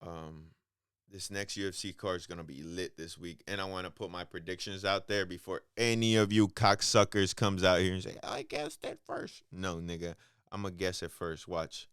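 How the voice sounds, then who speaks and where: A man with a low, smooth voice hosts a casual podcast on his own. He rambles, swears freely and fills the gaps with ums and bro. The sound is dry and close, with no room around him. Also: steady tone, normal speed, fairly bright tone, dry recording. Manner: profane, rambling, calls listeners bro; loose, hesitant delivery with many ums. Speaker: podcast host.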